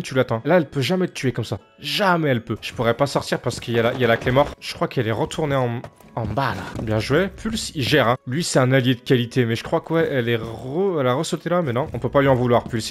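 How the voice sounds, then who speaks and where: A man's voice: medium pitch, fast. A man giving casual gameplay commentary from his home setup, grumbling and exasperated at his teammates. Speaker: gaming video creator.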